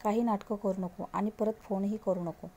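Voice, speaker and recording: A hurt young woman answers in short, cutting lines, her voice mellow and low-key rather than bright, as a woman storyteller reads her part. She sounds curt and dismissive throughout. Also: fairly even intonation, moderate pace, slight background noise, lightly acted. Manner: snapping, curt.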